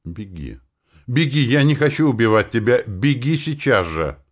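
A man's voice: medium pitch, very animated, moderate pace, voice pushed up. Man doing a tearful pleading young woman. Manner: breathless, pleading whispers.

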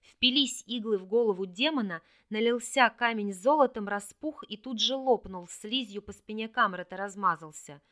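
A woman narrating a fantasy audiobook with even storytelling. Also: mid-range voice, moderate pace, hardly any pauses.

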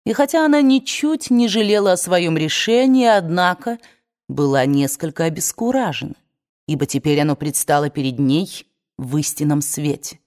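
A woman narrates a novel as an audiobook in a fairly low voice. Her reading is measured and expressive. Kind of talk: scripted narration.

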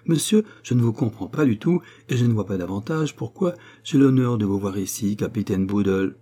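A man's voice: lively intonation, normal speed, dark tone. A man reading a novel aloud, voicing a scheming, sneering woman in a raised, mocking tone. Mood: scornful. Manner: sneering, mocking, shrill outbursts.

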